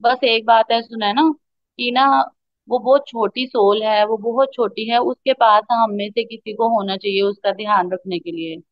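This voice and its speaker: A woman gives a heartfelt personal testimony at a satsang, speaking straight to the congregation with deep feeling. She drops English words into her talk. The recording is dull and muffled, with a dry, close sound. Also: steady tone, moderate pace, no room sound. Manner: emotional, addresses the congregation as sangat ji, mixes in English words. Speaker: devotee sharing a testimony.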